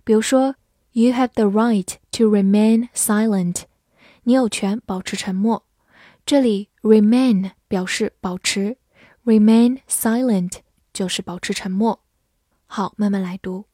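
Slow, careful woman teaching English words. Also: medium pitch, mellow, dry recording, studio quality. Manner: spells words letter by letter and repeats slowly. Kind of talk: slow scripted vocabulary lesson.

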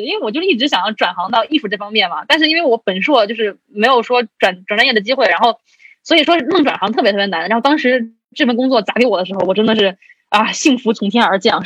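A woman's voice: fairly high pitch, breathy edge, dry recording. A young woman in her twenties, a podcast guest, casually telling a story and acting out the people in it, often laughing as she talks. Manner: lively storyteller who acts out both sides of conversations and laughs often.

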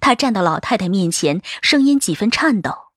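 A woman narrating a novel as an audiobook in a steady, even storytelling voice. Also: medium pitch, moderate pace, breathy edge, no room sound, studio quality.

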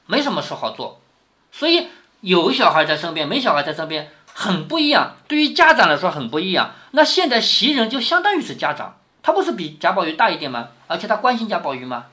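A man reads a classic novel to his daughter and stops often to explain it. His bright, clear voice swings widely in pitch. He keeps asking small rhetorical questions to check she is following. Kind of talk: storytelling with explanation.

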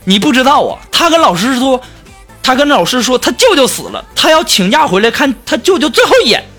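A woman's voice: sits high, sing-song, brisk, a bit bright, soft background music, pitched above the performer's own voice, full character voice. A man voicing an exasperated older sister who complains in an agitated way about her son.

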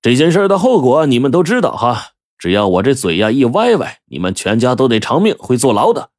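A man's voice: mid-range voice, sing-song, a little fast, no echo, clean studio sound, close to an everyday voice. A man voicing a scheming, ruthless male village militia captain who talks in a drawling, officious and menacing way.

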